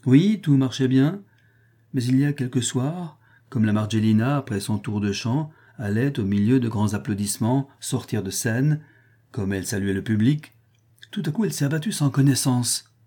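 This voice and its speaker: A man reading the part of a calm, assured master detective, explaining in measured tones. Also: medium pitch, close to an everyday voice.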